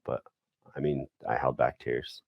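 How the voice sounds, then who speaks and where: A man's voice: a bass voice, level tone, a little slow, creaky, dry recording, dull audio. A middle-aged man, a podcast guest, telling family stories in a laid-back, laughing way. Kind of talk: casual storytelling.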